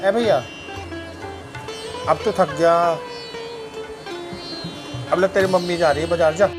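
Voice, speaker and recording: A man's voice: on the high side, steady tone, a little slow, over music. A man chatting casually at home, narrating his pet dog's antics and talking fondly to the dog.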